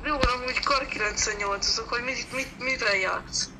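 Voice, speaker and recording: A player making excited, urgent callouts in casual gaming voice chat. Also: mid-range voice, poor audio. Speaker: gamer in squad voice chat. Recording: clear noise on voice chat.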